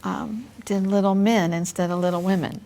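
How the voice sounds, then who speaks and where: A woman's voice: medium pitch, steady tone, normal speed, dark tone, slight background noise. A middle-aged woman in a casual chat as an interview guest, recounting her experiences informally and a little tentatively.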